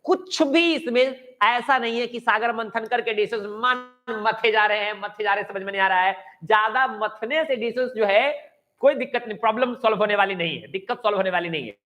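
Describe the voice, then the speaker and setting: A man's voice: high voice, brisk, sharp tone. A man from India teaching English grammar in a coaching class, mixing Hindi and English, encouraging students and repeating key words for them to say back.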